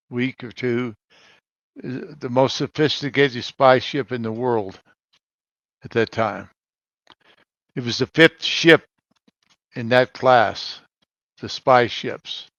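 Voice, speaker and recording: A man in his seventies from Colorado, a navy veteran recounting his service in a halting way, with frequent pauses and loudness that rises and drops. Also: medium pitch, no echo, muffled recording. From Colorado, United States. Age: 70s. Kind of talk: conversational interview answers.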